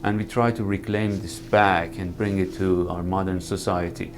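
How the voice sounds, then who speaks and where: This low-voiced night sky photographer, an Iranian man in his 40s, talks at a moderate pace in a documentary interview monologue. His manner is calm, earnest, and reflective, marked by slight hesitations.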